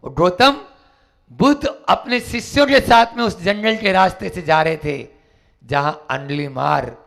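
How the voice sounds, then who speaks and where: A preaching monk with a high, gravelly voice delivering a sermon at a jail gathering. He talks slowly and deliberately, turning storytelling into lively swings from loud emphasis to soft asides. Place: jail gathering, partly outdoors. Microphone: camera recording.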